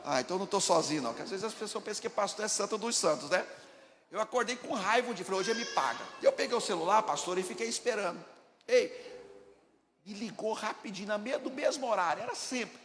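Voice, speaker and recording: High-voiced Brazilian pastor preaching in a hall. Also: male voice, animated, fast, fairly bright tone, a little hiss or hum. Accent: Brazilian Portuguese. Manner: emphatic preacher, asks the congregation questions, acts out dialogues. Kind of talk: sermon. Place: church hall. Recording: echoey church hall, faint ambience.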